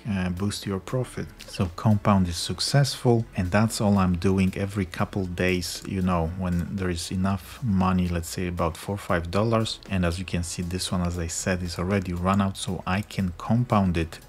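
A man's voice: sits low, steady tone, moderate pace, hardly any pauses. A man walking viewers through a crypto app in a screen-recorded tutorial, explaining step by step with frequent fillers.

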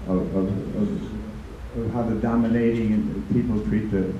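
An older man, a priest, stands in the audience at a Q&A in a large conference hall, speaking earnestly into a handheld mic and stumbling over repeated words. His voice is on the low side and warm, with a flat, unhurried delivery. The recording is dull and echoey, with slight background noise.

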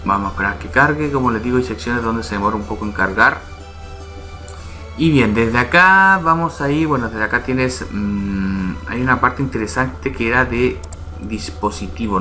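With soft music playing behind him, a man guides his channel's viewers through a website in a laid-back screen recording, going step by step and asking "¿ya?" and "¿vale?" along the way. He speaks in a mid-range voice at normal speed, bright and forceful.

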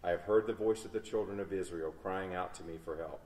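A man voicing God, booming and commanding. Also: fairly quick, natural voice. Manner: commanding, solemn, loud. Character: booming voice of God from a burning bush. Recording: echoey church hall, distant mic.

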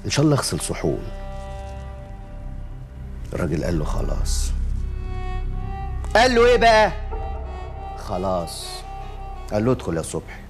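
An actor with an Egyptian accent playing a bossy husband who mockingly gives orders. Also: male voice, lowish voice, huge pitch swings, moderate pace, pauses often, faint music behind. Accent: Egyptian Arabic. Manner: mocking, commanding.

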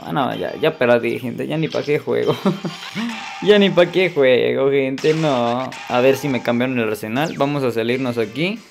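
A man with a Mexican accent, commentating his mobile gameplay in a chatty, excitable way and calling out to his viewers. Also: medium pitch, creaky. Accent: Mexican Spanish. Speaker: gaming channel host.

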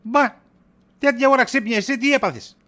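A man's voice: very high-pitched, pushed and bright. A man playing a tired middle-aged shopkeeper in a comedy sketch, exasperated and dodging his wife's questions with wisecracks. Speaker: husband.

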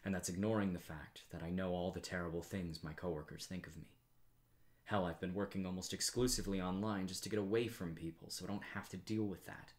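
A man reads his own novel aloud, measured and low-key. His voice is very deep. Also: steady tone. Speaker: author reading his novel. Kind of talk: audiobook narration.

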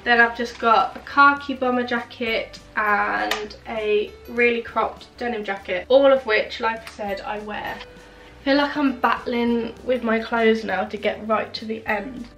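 A woman's voice: a little high, fairly bright tone. A woman in her twenties giving a casual wardrobe tour at home, chatting and thinking aloud as she hunts for the right words. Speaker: fashion vlogger.

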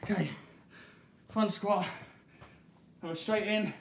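Breathless while working out, this thirties fitness coach calls out brief motivational cues in a high-pitched, creaky voice at a slow pace. The recording comes from an echoey indoor gym studio with a hard floor and audible noise behind him.

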